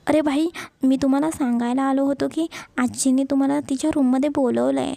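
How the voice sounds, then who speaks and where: A woman's voice: high voice, fairly even intonation, a little fast, creaky, mellow, dry recording. A woman voicing a cheeky, teasing younger brother in a romance story. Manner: cheeky, joking.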